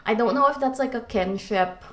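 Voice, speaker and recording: A woman's voice: fairly high pitch, fairly quick. A woman from the Philippines, talking straight to camera as a content creator, playful and frank. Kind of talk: direct-to-camera vlog talk. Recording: echoey room.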